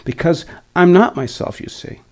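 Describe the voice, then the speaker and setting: A man's voice: high-pitched, lively intonation, moderate pace, voice pushed up. A man in his sixties reading the part of Alice, a shy, bewildered young girl who stammers and hesitates.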